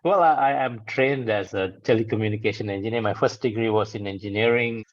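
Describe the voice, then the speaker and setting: Sri Lankan-born man in his fifties, low voice. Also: a little fast, dull audio. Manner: relaxed, laughs often, hesitant restarts. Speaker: guest, founder of a travel rating firm. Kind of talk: conversational interview answers.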